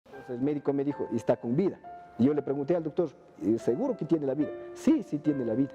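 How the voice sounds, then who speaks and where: A man giving documentary testimony about a hospitalized relative, speaking in halting, repetitive phrases. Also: mid-range voice, animated, mellow. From Ecuador. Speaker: victim's relative interviewed. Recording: dull lo-fi audio with faint music.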